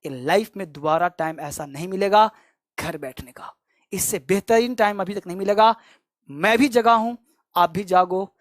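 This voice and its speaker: A man teaching spoken English online, drilling phrases by repetition in a loud, emphatic way and ending with a fiery motivational pep talk. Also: high-pitched, moderate pace, no echo, clean studio sound.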